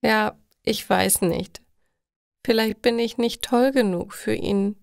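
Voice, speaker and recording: A woman's voice: on the low side, lively intonation, slow, fairly bright tone, no echo, studio quality, full character voice. A woman doing a sad, unsure young woman. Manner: hesitant and downcast. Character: sad, insecure young woman after a breakup.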